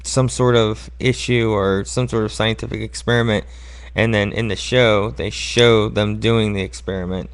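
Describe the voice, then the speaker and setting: A man's voice: fairly low pitch, steady tone, moderate pace, hardly any pauses, clean tone. A man co-hosting a podcast in casual chat, wisecracking and laughing easily. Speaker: podcast co-host.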